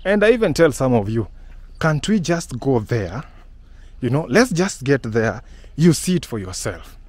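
A man's voice: medium pitch, a little slow, breathy edge, dry recording. A man with a Kenyan accent, talking casually and laughing often while he walks a residential street and films on a phone. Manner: lively, mixes English and Swahili, laughs often. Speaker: vlogger and house-hunting guide. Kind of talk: casual walking vlog.

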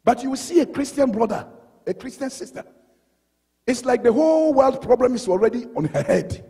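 A man's voice: extremely high pitch, animated, a little fast, warm tone, breathy edge, long reverb tail. A male pastor preaching an emphatic sermon, reading scripture and repeating key words for effect.

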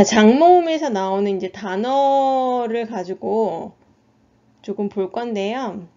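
Slow, patient Korean woman teaching phonics. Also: mid-range voice, dark tone, dull audio. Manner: slow, patient, repeats each sound twice. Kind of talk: phonics lesson explanation.

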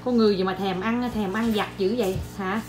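A woman's voice: mid-range voice, fairly even intonation, fairly quick, noisy background. A young woman and mother chatting casually to viewers in a home family vlog. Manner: chatty, addresses viewers as aunts and uncles. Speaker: vlogger and mother.

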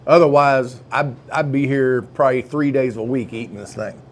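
A middle-aged man with a drawl talks his way through a deli lunch for his food vlog, folksy and unhurried between bites. His voice sits at an ordinary pitch, picked up close on a lapel mic. A faint hum of the dining room sits behind him. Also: fairly even intonation. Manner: chatty and folksy, savoring food between remarks. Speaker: food reviewer. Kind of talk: casual food review vlog.

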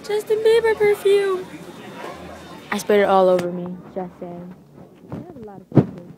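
Young woman, excited shopping chat, off-mic in a noisy, crowded store. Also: fairly low pitch, fairly quick, some chatter behind. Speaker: vlogger's sister. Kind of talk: casual chat while shopping. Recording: far-off voice in busy store.

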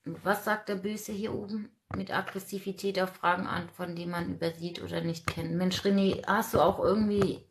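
A woman's voice: fairly low pitch, steady tone, normal speed, gravelly, background noise. A woman in her forties hosting a casual livestream, outspoken and ranting while reading out viewer comments. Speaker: livestream host.

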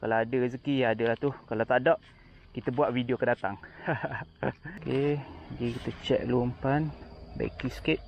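A fishing vlogger with a Kelantanese Malay accent chats casually on a riverbank, letting out quick, excited exclamations while reeling in fish. He films with a chest- or head-mounted action camera, and his medium-pitched voice has vocal fry in lo-fi sound.

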